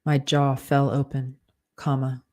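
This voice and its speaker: A writer reads a story into dictation software, calling out every comma, period and undo as they go. The voice is mellow and dark, and it stays on one level with little rise or fall. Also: medium pitch. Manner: measured, flat dictation, spelling out punctuation and corrections. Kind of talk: dictating fiction aloud with spoken punctuation commands.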